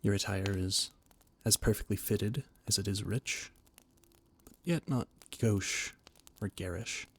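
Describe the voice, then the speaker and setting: Speaking slowly with a fairly low pitch, a man performs a scripted audio roleplay as a flustered, formal adviser to royalty, stumbling over his words often.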